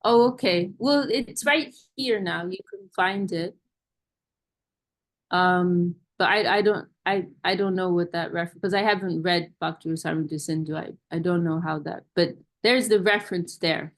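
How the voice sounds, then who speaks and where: A woman's voice: lowish voice, moderate pace. A woman hosting an online question-and-answer session, talking casually and hesitantly over a video call, often restarting her sentences. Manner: warm, self-deprecating, hesitant with restarts. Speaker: host of a Q&A session.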